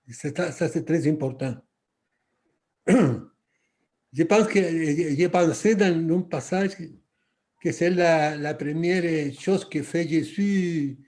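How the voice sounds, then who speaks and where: Reflecting at a church workshop, a man with a Latin American Spanish accent speaks halting, non-native French, searching for words and repeating himself. His voice is a little high with a darkish tone.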